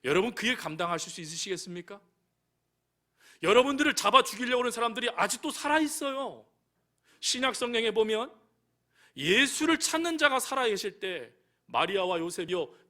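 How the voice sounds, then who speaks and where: A man's voice: very high voice, animated, fairly quick, bright, forceful tone. A male pastor preaching a sermon, often asking questions of the congregation and acting out the voices of people in the story.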